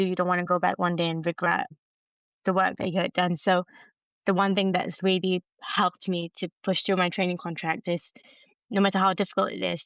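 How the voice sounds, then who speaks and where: Woman, 20s, smooth low-ish voice, slightly muffled remote audio. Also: dry recording. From Singapore. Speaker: trainee lawyer, interview guest. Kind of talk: podcast interview.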